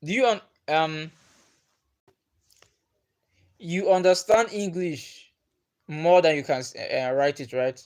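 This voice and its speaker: A livestream host talks slowly with frequent pauses, his voice a little high and darkish. He's a man whose first language is Igbo, casually chatting through viewer comments. Patient by nature, he repeats himself and chuckles a lot.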